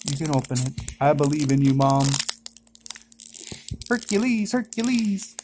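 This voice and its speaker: Chatty vlogger doing casual unboxing commentary indoors; mid-range pitch, excited outbursts. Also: fast, slight background noise. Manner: chatty, excited exclamations at each pull. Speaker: card-opening vlogger. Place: indoors at home.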